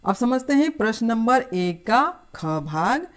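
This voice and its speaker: A woman teaching a lesson to schoolchildren, explaining slowly and patiently. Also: on the high side, lively intonation. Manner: slow, patient, addressing children. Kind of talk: scripted lesson.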